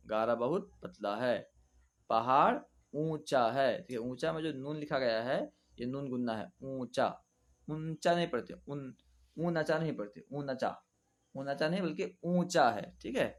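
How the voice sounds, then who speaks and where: A man teaching Urdu reading, spelling words out letter by letter and then reading them slowly and patiently. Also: medium pitch, expressive. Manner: patient explaining teacher, often says "theek hai". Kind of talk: slow spelling-out lesson.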